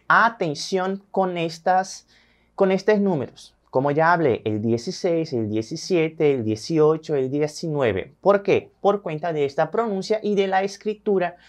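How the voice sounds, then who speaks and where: A Brazilian man teaching a recorded Spanish lesson, addressing viewers directly and slowly drawing out each number. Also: on the high side.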